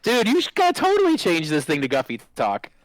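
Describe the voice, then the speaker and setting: Excitable man in his forties, swearing freely. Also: sits high, fast talker, rough recording. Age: 40s. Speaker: guest, former game product manager. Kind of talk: casual interview chat.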